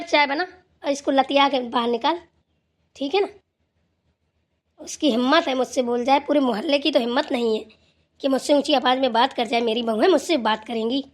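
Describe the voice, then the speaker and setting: A woman's voice: high voice, natural voice. A woman voicing a stern, wise old grandmother in a cartoon who scolds and lectures the family. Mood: scolding. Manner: scolding, then lecturing with advice. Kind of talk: cartoon voice acting.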